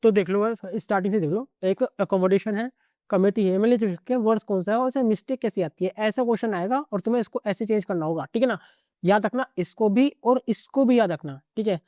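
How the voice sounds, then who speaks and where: A male teacher giving a casual exam-prep lesson, rattling quickly through word lists and checking in with the listener after nearly every line. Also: high-pitched, dark tone, no echo, studio quality.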